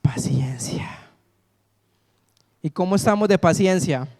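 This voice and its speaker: A pastor with a high, smooth, slightly mellow voice preaches a sermon in a church sanctuary, speaking a little slowly. He uses call-and-response, repeatedly asking the congregation to call out the missing word, and the church hall adds long reverb.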